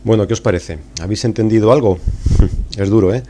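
A middle-aged Spanish man hosts a language podcast in a relaxed, chatty way. His voice sits a little low and sounds dark and mellow. He wanders between points, dotting his speech with fillers and tag questions. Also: fairly quick. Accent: Spanish, from Spain. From Spain. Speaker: podcast host and English teacher. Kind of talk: casual spoken lesson.

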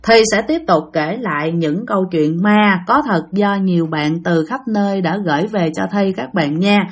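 A woman's voice: mid-range voice, moderate pace. A woman with a Southern Vietnamese accent telling ghost stories in a casual, chatty way, often speaking straight to her listeners. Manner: chatty, addresses listeners directly. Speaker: storyteller host. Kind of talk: casual spoken ghost-story narration.

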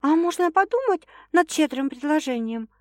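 A woman's voice: high-pitched, big pitch swings, normal speed, a little mellow, no room sound, studio quality, pitched above the performer's own voice. A woman reading an audiobook, voicing a stubborn, teasing young woman in an indignant, insistent manner. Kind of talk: audiobook character voice.

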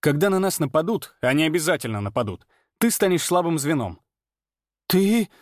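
A man's voice: a little high, big pitch swings, moderate pace, no room sound, clean studio sound, voice pushed up. A man reading aloud and voicing a blunt, self-assured young hunter who speaks matter-of-factly. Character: cocky young male hunter, blunt and confident.

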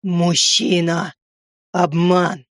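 A man putting on a slow, halting demon voice that speaks in broken single words. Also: sits high, flat delivery, a bit bright, dry recording, clean studio sound, voice pushed up, full character voice. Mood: eerie.

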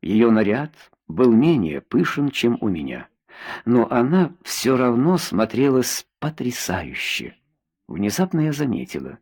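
A man's voice: medium pitch, a little mellow, breathy edge. A man narrating an audiobook in the first person, reading expressively.

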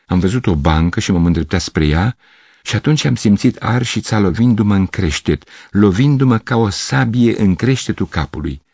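A man reading a literary story aloud as narrator, in a measured, expressive manner. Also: fairly low pitch, breathy edge, no echo.

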